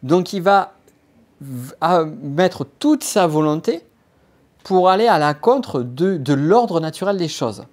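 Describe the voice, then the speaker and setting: A man's voice: a little high, very animated, takes it slowly, darkish tone. Hesitant man hosting a solo podcast. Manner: hesitant, many restarts and fillers; addresses listener informally. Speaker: podcast host. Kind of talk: solo business podcast monologue.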